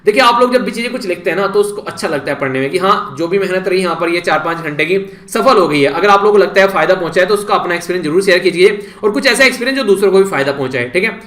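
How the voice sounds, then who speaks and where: A man with an Indian accent gives a casual, chatty Hindi lecture recapping current affairs, addressing his students directly and often calling them "yaar". His voice is high, expressive, and fairly bright, delivered rapid-fire with few pauses in a reverberant space.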